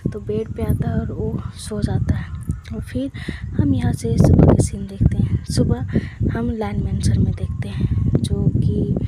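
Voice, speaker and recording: A woman retells a story in a chatty, casual storytelling style. Her pitch stays flat and even. Loud background noise runs under the recording. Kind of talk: casual fan-fiction storytelling.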